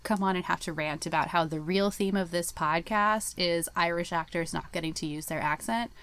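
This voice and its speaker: A woman's voice: lowish voice, normal speed, a bit bright, smooth. A woman hosting a podcast as its classicist, talking bluntly and with enthusiasm. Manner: enthusiastic, blunt, laughs often. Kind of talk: casual chat.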